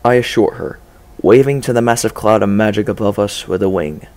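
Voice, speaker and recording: A man reading a dark first-person story aloud in a measured, low-key way. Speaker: story reader. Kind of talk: first-person fan-fiction narration.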